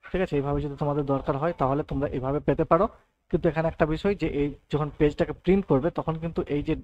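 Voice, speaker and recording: A man giving a step-by-step software tutorial over a screen recording, checking in with his listeners often. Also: fairly high pitch. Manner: explains step by step, often adds "thik ache" and "right". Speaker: computer tutor.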